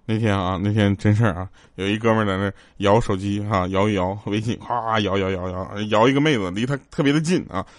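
A man hosting a comedy radio show, telling jokes and funny stories with frequent chuckles and lively voices for the people he quotes. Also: on the low side, fairly quick, hardly any pauses, dry recording, studio quality. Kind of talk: joke-telling comedy chat.

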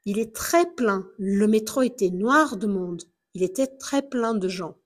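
A woman's voice: medium pitch, expressive, a little slow. A woman hosting a language lesson podcast as a teacher. She speaks carefully and repeats words for listeners to copy. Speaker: French teacher and podcast host.

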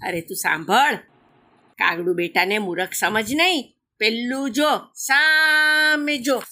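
A woman's voice: lively intonation, normal speed, pushed and bright, breathy edge, heavily acted. A woman voicing a jovial father crow who coaxes his chick and teases his mate in a storybook tale. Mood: coaxing. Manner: cajoling, teasing, higher than her narration.

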